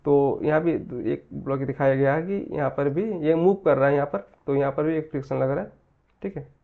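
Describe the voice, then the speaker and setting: A man teaching a physics lesson in mixed Hindi and English, repeating key phrases slowly and answering his own questions. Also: fairly high pitch, creaky, narrow, tinny audio. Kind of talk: Hindi-English mixed exam-prep lecture.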